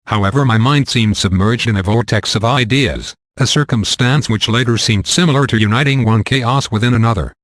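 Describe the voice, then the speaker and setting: A man narrating an audiobook in a measured, unhurried reading. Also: medium pitch, fairly bright tone, no room sound.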